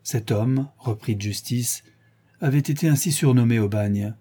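A man narrating a classic novel in a measured, dramatic reading. His voice is dark-toned and mellow, with a faint husky grain. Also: medium pitch. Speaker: audiobook narrator. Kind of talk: scripted narration.

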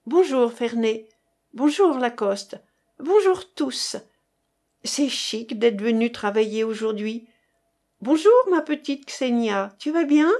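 A woman's voice: fairly high pitch, expressive, takes it slowly, darkish tone. A woman voicing a cheerful, eager young woman student in a novel reading.

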